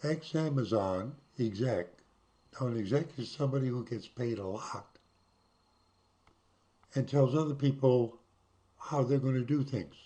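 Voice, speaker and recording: A man talks in a relaxed, casual way, his voice hoarse from a cold and mellow in tone. He reads out news items and adds wry asides, slowing down over the quoted parts. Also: mid-range voice. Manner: chatty, wry asides, slows down to read quotes. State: hoarse from illness. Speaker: vlogger. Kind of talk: casual commentary, reading news aloud.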